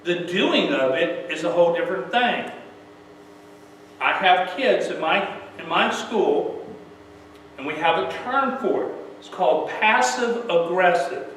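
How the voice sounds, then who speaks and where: A man's voice: sits high, animated, unhurried, fairly bright tone. A man preaching a sermon in a folksy, plain-spoken way, often asking rhetorical questions. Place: church sanctuary. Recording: very echoey church, mic far off, faint hum.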